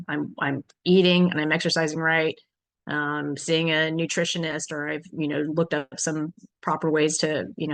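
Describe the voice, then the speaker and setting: A woman's voice: sits low, creaky, fairly bright tone. A woman teaching a farm business workshop in a frank, chatty way, with many fillers and restarts. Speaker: workshop instructor. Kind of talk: conversational farm business lesson.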